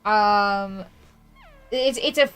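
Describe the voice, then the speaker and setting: A woman's voice: mid-range voice, extremely slow, fairly bright tone, clean tone, soft background music. A woman co-hosting a casual review stream, chatty and upbeat, giving painting feedback and reading out notes. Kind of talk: casual chat.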